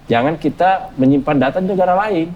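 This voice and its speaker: A man speaking earnestly as a panel guest, measured and full of hesitant fillers and restarts. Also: a little high, dull audio, slight background noise. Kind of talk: panel discussion.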